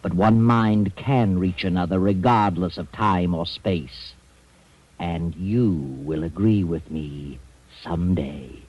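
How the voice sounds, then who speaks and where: An actor playing a sinister, mysterious storyteller in 1940s radio drama, slow and insistent. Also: male voice, low voice. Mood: ominous, knowing. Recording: muffled vintage radio recording.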